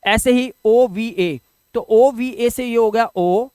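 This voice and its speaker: A man's voice: extremely high pitch, clean tone, no room sound. Man teaching English, dry close sound. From India. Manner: drawn-out syllable-by-syllable spelling, lively emphasis. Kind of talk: explaining pronunciation lesson.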